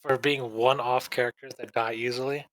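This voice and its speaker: Male podcast co-host, rambling and deadpan, close dry mic. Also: mid-range voice, moderate pace, no room sound. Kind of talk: casual anime review chat.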